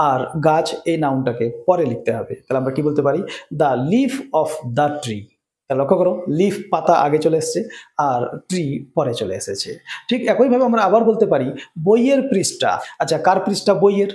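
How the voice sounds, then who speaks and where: Fast-talking male grammar teacher, echoey room. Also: a little high, mellow. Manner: asks students rhetorical check-in questions. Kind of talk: explaining grammar rules to students.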